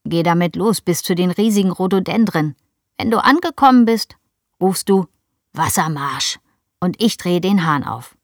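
A woman voicing a kindly old male gardener in a storybook reading, speaking gently and slowly. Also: fairly low pitch, lively intonation, dry recording, clean studio sound.

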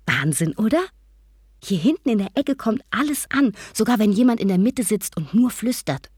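A woman voicing a lively, secretive teenage girl who talks in an eager, confiding way. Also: mid-range voice, moderate pace, husky, dry recording, clean studio sound, voice pushed up. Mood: excited.

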